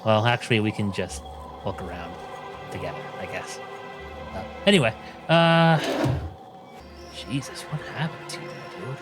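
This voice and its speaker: A man's voice: on the low side, very animated, measured pace, long pauses. A man doing casual let's play commentary, muttering his thoughts aloud as he plays. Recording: game music behind the voice. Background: game music.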